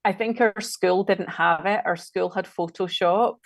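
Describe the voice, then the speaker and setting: A Scottish woman speaking slowly in a low, gravelly voice as she talks through her design work. She chats casually and thinks aloud. The sound is dry and close. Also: no echo. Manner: chatty, thinking aloud while working. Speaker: designer guest. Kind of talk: casual live-stream demo.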